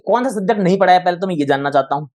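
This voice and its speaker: A man's voice: high-pitched, expressive, rapid-fire, a little mellow, no echo, studio quality. A man speaking as an educator guest in a conversational interview, candid and opinionated, explaining at length. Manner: candid, opinionated, talks in long explanatory runs.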